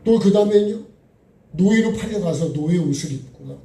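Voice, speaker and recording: A man's voice: high-pitched, expressive, normal speed, gravelly, warm tone. A middle-aged man preaching a sermon, talking conversationally and prompting the congregation with frequent asides. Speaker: pastor. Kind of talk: sermon with sung worship. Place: church sanctuary. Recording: echoey room, distant mic, faint music.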